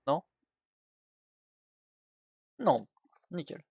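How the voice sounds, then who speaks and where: Drawing out his words, a gaming YouTuber commentates on a horror game as he plays, reading its text aloud in translation with lots of fillers and restarts. The background is noisy, with faint game music behind him.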